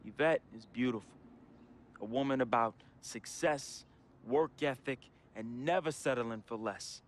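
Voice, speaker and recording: Here the actor's medium-pitched voice, close to everyday speech, moves unhurriedly through a troubled young man's confessional goodbye letter for a game. The studio voice-over is a somber, emotional monologue, heartfelt and sprinkled with casual slang.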